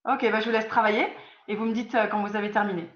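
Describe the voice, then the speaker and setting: A woman's voice: mid-range voice, steady tone, quick pace. A woman teaching an online group lesson over a video call, patiently quizzing her students and often repeating or restarting her phrases. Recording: roomy, dull lo-fi call audio.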